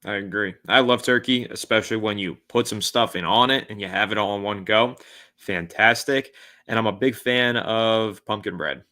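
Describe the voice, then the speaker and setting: A man's voice: lowish voice, moderate pace, sharp tone. A man co-hosting a casual sports podcast, giving blunt, opinionated takes. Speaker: podcast co-host.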